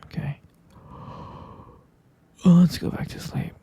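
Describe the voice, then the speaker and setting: Taking it slowly, a man plays a gentle, sleepy vampire boyfriend for ASMR bedtime roleplay, his gravelly, breathy half-whisper tender, hesitant, patient and explanatory. The acting is light and the recording dry.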